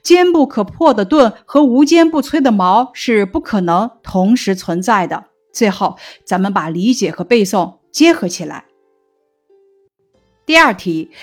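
Woman teacher narrating a lesson, unhurried and measured, with soft music underneath. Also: very animated. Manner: slow, measured explaining tone, lifting pitch on quoted classical lines.

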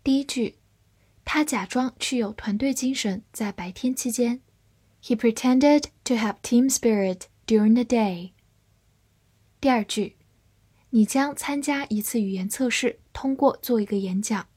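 A woman's voice: a little high, a little mellow. A woman English teacher drilling vocabulary, saying each word twice and then giving its meanings. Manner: slow, clear word-by-word drilling. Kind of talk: vocabulary lesson.

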